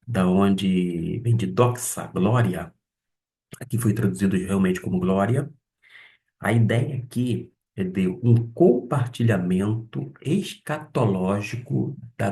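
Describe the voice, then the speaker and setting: A man, his low voice moving at a very unhurried pace. He teaches a Bible Greek lesson, carefully repeating each word he explains. He sits a little back from the microphone. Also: creaky, warm tone, recorded from a distance. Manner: deliberate, pausing to spell out and repeat Greek words.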